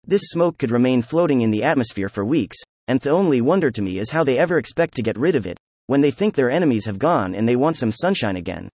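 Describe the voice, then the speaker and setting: Guy reading a story out loud, steady and even, mid-pitched, dry close mic. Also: fast, few pauses, no echo. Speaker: audiobook narrator. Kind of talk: scripted narration.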